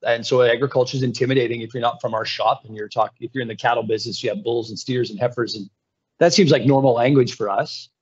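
A man's voice: medium pitch, fairly even intonation, fast, breathy edge. A man in his forties moderating a panel over a video call from a home office, reflective and conversational. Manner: reflective, conversational, repeats words when starting. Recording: dull lo-fi video call audio.

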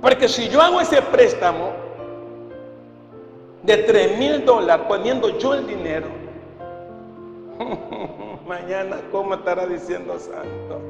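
An older Ecuadorian pastor preaches an impassioned sermon before a congregation in a large church hall, emphatic and full of rhetorical questions and repeated phrases. His high, animated voice moves slowly, with vocal fry and long pauses. A handheld mic carries him through the PA, the hall echoes, and music plays behind.

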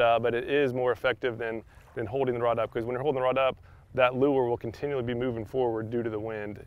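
A young man giving a casual fishing tutorial outdoors on a beach, talking in a relaxed way with many fillers and repeated words. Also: medium pitch, smooth. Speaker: fishing instructor. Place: sandy shoreline outdoors by open water.

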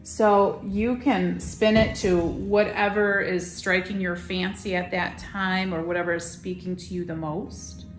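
A woman's voice: fairly low pitch, flat delivery, a little slow, hardly any pauses, echoey room, faint music behind. A woman in her thirties hosting a casual product showcase in a shop, talking enthusiastically with lots of fillers. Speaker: shop host presenting items for sale. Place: indoor shop room full of farmhouse decor.

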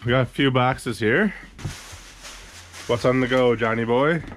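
A man's voice: mid-range voice, measured pace, slight background noise. Easygoing man joking through a garage vlog. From Newfoundland, Canada. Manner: joking, laid-back banter. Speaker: vlog host. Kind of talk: casual shop vlog. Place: small cluttered garage workshop.

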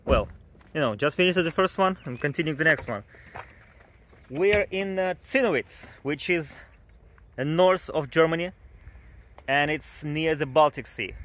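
A man's voice: fairly high pitch, unhurried, a bit bright. A man casually chatting to viewers in an upbeat travel vlog, filmed outdoors in a seaside town. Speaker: travel vlogger. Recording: outdoor street noise.

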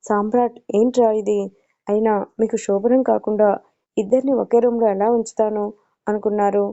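Woman doing a bossy but loving mother-in-law, firm, dark mellow voice, flat delivery. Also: medium pitch, normal speed, lightly acted. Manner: firm, scolding yet caring. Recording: dull lo-fi recording.

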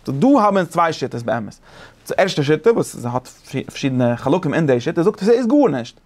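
A man teaching a casual study lesson, animated and thinking aloud with many restarts. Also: fairly high pitch, fairly quick.

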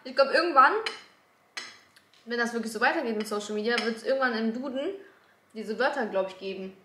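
A young woman talks casually, feeling her way through explanations in loose slang. Her voice sits a little high, and the room around it is echoey. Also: a little fast, bright, forceful tone, a little hiss or hum. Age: 20s. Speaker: YouTuber guest. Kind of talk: casual chat. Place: small room at a dining table. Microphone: camera a few feet away. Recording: echoey room, camera at a distance.

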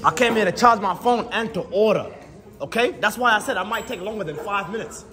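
Young man, agitated, swearing, slightly high voice, phone at arm's length, loud diners behind. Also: animated, a little fast, a crowd in the background. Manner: agitated, muttering, swears a lot. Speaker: vlogger. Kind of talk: casual vlog, talking to camera. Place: busy indoor restaurant. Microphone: phone camera held at arm's length. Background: diners chatting.

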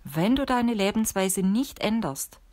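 A woman reading the lines of a calm, stern old male sorcerer teacher in a measured, instructive way for an audiobook. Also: mid-range voice, no echo, pitched above the performer's own voice, natural voice.

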